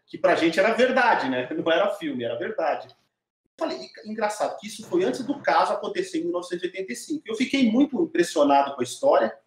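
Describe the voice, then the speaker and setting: A middle-aged documentary filmmaker from Diadema, São Paulo, Brazil, appears as a guest in a casual storytelling interview, relating his story loosely and animatedly while often adding tag questions for his listener. His voice is a little high for a man and he talks fast. The room sounds echoey and hollow, with slight background noise.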